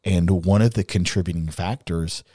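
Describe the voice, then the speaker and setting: A man's voice: low-pitched, fairly even intonation, normal speed, warm tone, dry recording, clean studio sound. A man who is a therapist, talking earnestly on a podcast and thinking aloud with frequent restarts. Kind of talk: casual podcast discussion.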